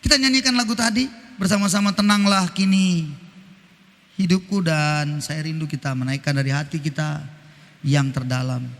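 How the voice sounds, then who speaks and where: A male pastor preaching an animated, teasing sermon, breaking into snatches of hymns. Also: fairly high pitch, brisk. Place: church. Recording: church hall reverb.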